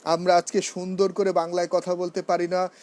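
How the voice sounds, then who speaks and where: A man teaching a seminar lecture on pronunciation, who drills words slowly and asks and answers his own questions. He is earnest and grows emphatic when he corrects usage. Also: high voice, monotone, a little mellow.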